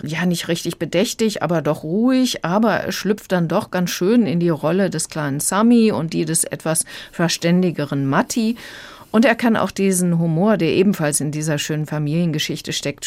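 Low-voiced woman reviewing a book. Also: a little mellow, dry recording. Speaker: book critic.

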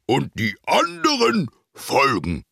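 Picture a boastful chorus of elk and bears in a children's audiobook, all voiced by one man, gravelly and husky, swinging wildly up and down in pitch. The delivery is slow and drawn out, recorded dry and close. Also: wildly swooping pitch, sharp tone, no room sound, exaggerated voice. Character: boisterous crowd of big male forest animals.

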